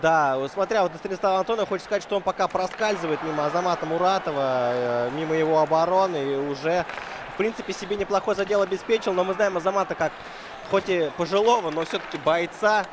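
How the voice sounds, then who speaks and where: A man's voice: high voice, fast talker. A man giving live esports hockey commentary in a conversational, analytical way, with frequent hesitations. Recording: noisy venue with crowd behind the voice. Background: crowd and venue noise.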